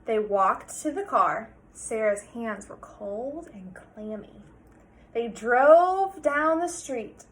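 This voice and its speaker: Animated, high-voiced woman teacher reading aloud. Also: takes it slowly, poor audio. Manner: expressive, explanatory, prompting with questions. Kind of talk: picture-book read-aloud with questions to young listeners.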